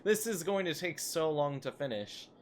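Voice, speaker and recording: A man's voice: fairly high pitch, lively intonation, moderate pace, slight background noise. A young man casually commenting while playing a city-building game, chatty and self-mocking, rambling into asides. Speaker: gaming YouTuber.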